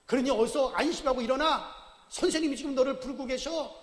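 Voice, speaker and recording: A man's voice: extremely high pitch, a little fast. A man playing a disciple who coaxes a blind beggar to get up. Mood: coaxing. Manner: coaxing, reassuring. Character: gentle male disciples calling the beggar. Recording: echoey church hall reverb.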